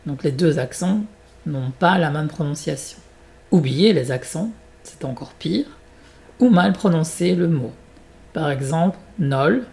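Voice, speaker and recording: Slow, gravelly-voiced French teacher. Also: medium pitch, darkish tone. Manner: slow, carefully articulated, repeats example words; gives short English glosses between French. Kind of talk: beginner pronunciation lesson.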